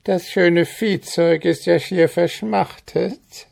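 A man's voice: high-pitched, steady tone, slow pace, creaky, darkish tone, voice pushed up, exaggerated voice. A man voicing a small, spiteful male goblin with a quacking, squawky voice and a mocking, sing-song way of talking in an audiobook. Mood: sly. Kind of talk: audiobook character voice.

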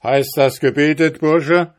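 A man voicing a brutal, murderous male innkeeper in a read-aloud fairy tale, loud and menacing. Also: expressive, unhurried, close to an everyday voice. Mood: furious. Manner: menacing, loud, raised pitch.

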